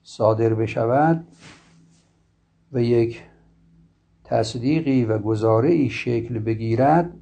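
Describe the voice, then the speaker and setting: A man giving a formal philosophy lecture in a slow, measured, scholarly way, often clearing his throat. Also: medium pitch, warm tone. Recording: dull lo-fi recording.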